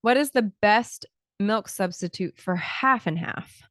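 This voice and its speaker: A woman in her thirties talks through a solo health podcast in a relaxed, explanatory way, often restarting her sentences. Her voice is smooth and clear at a middle pitch. She speaks close to a studio mic in a dry, dead room. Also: measured pace, no room sound. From Scotland, early childhood. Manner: conversational, explanatory, frequent restarts and fillers. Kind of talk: casual solo podcast talk. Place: small home studio, indoors. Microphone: large studio mic close to the mouth.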